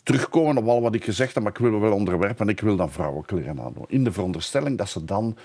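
Low husky man telling history. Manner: animated storyteller, slows for emphasis, many fillers. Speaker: historian guest. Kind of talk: conversational storytelling interview.

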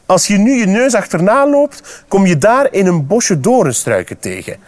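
A Flemish man voicing a smug, mocking male frog with a croaking voice in a children's storybook reading. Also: high voice, very animated, moderate pace, voice pushed up. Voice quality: croaking, teasing.

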